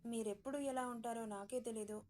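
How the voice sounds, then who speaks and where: A woman's voice: fairly high pitch, fairly even intonation, brisk, lightly acted. A woman voicing a timid, anxious young bride who speaks meekly and hesitantly. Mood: soft pleading. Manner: meek, hesitant, soft-spoken.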